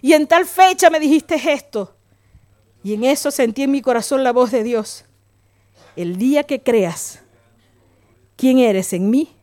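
A woman preaching a sermon to her congregation, telling personal stories, swinging from loud emphatic lines to slow, soft murmurs. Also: high voice, no room sound. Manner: storytelling, acts out quoted voices.

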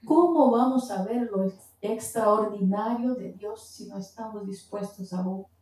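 A woman delivers a sermon with a mellow, dark voice, pausing at times to hunt for a word. She stands well back from the mic, and her voice rings through a very echoey church hall. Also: medium pitch, recorded from a distance. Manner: searches for words mid-sentence. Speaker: preacher. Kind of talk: sermon with told testimony.

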